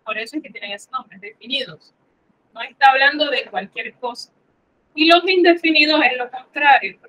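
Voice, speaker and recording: A woman's voice: sits high, moderate pace, pushed and bright, rough recording. A woman teaching a French lesson in Spanish, explaining patiently and repeating examples for her students. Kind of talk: classroom lesson.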